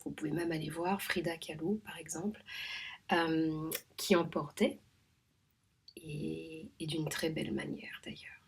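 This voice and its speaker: A woman from Réunion, a home midwife, talking in a soft, measured way that often drops to a half-whisper, with frequent hesitations. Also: deep voice, little pitch movement, slight background noise. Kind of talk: reflective spoken monologue.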